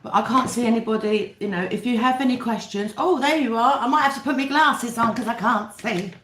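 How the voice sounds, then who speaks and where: Casting: British woman, higher-pitched voice, chatty mukbang host talking while eating, recorded in an echoey room. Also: fairly quick, fairly bright tone, slight background noise. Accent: British English. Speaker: livestream host. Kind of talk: casual live chat over a meal.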